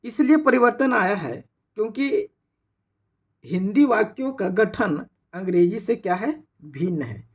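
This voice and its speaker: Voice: mid-range voice, animated, a little slow, husky. A teacher giving a grammar lesson, explaining step by step with frequent rhetorical questions and some restarts. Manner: explains step by step, often fills with rhetorical "what is it".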